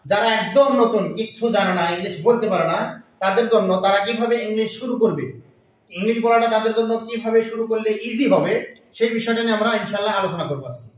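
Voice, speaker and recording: A man teaching English to a class. He says each sound slowly and has the students repeat it back. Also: sits high. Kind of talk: classroom teaching with call-and-response drills. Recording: echoey room, voice from far off.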